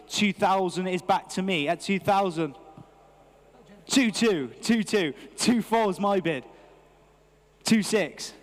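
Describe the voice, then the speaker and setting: British male auctioneer, high-set voice, rhythmic repeated bid calls, long hall reverb. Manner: repetitive rhythmic chanting of figures. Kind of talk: live auction bid calling.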